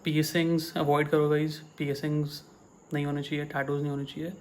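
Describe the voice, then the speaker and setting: Young Indian guy, former cabin crew, chatty advice vlog, slightly high voice, Hindi-English mix. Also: level tone, quick pace, a little hiss or hum. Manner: chatty, mixes Hindi and English, many fillers. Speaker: former cabin crew giving interview tips.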